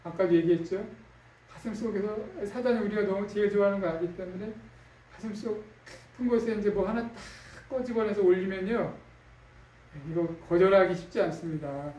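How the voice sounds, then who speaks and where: Male pastor, high voice, relaxed chatty preaching, recorded from a distance in a reverberant sanctuary. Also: a little fast, slight background noise. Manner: conversational preaching with frequent fillers and tag questions. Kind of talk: sermon. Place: church sanctuary. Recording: echoey room, distant mic.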